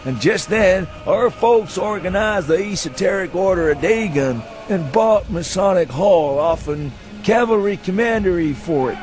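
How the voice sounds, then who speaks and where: In a dramatised audiobook reading for radio, a man with a high, animated voice speaks a little slowly, with hardly any pauses. He voices a drunken, hysterical elderly man with a rural New England accent, rambling conspiratorially in rustic dialect and goading with questions that end in "huh?".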